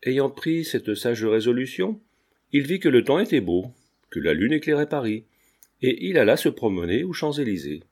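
A man reading a classic novel aloud as an audiobook narrator, in a measured, expressive way. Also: medium pitch. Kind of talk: scripted narration.

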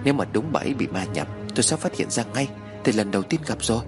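A man's voice: mid-range voice, lively intonation, quick pace, over music, natural voice. A man voicing an older ritual master, grave and boastful, in a spoken horror story. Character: older male ritual master, calm and self-assured.

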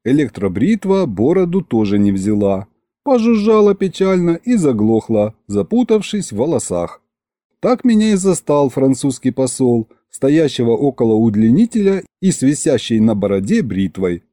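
A man narrating a humorous first-person audiobook in an expressive, wry way. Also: mid-range voice, moderate pace, no room sound, clean studio sound.

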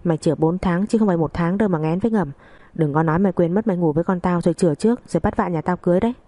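A woman's voice: racing, mellow, no room sound, natural voice. A woman voicing a spiteful, bullying older mother-in-law who scolds and abuses her daughter-in-law. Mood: scolding. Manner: shrill, scolding, abusive.

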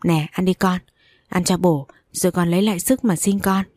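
A cruel older mother-in-law barks orders in a low, mellow voice, as a woman reads her part. Her tone is scolding and commanding throughout this storybook tale. The sound is dry and close. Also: fairly even intonation, moderate pace, no room sound, lightly acted. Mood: coaxing.

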